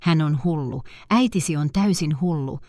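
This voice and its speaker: A woman's voice: deep voice, a little mellow, dry recording, clean studio sound, natural voice. A woman narrator reading the lines of a scornful, bullying daughter-in-law in a scolding storybook voice. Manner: contemptuous, scolding.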